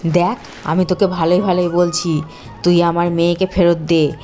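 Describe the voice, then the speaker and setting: A woman voicing a doting, hot-tempered village father in a cartoon, talking in a loud, emotional way. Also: fairly low pitch, level tone, moderate pace, soft background music, natural voice. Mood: angry. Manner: shouting, emotional. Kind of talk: cartoon voice acting.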